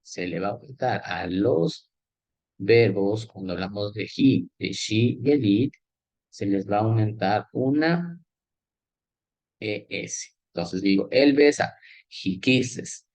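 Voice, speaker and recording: Slow, patient man teaching. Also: fairly low pitch, lively intonation, creaky, darkish tone, dry recording, poor audio. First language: Spanish. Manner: explains step by step, checks in with "¿ya?" and "¿sí?"; switches between Spanish and English. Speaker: English teacher. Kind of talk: classroom grammar lesson.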